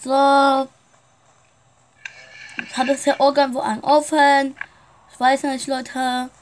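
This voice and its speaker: A woman's voice: high voice, flat delivery, slow pace. A woman playing a shopkeeper in a casual game roleplay, chatting straight to her viewers. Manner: chatty, keeps addressing viewers.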